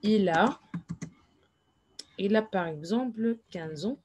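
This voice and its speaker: A woman teaching in a slow, patient classroom explanation, repeating each phrase and adding English asides. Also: medium pitch, a little mellow, a little hiss or hum. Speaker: French teacher.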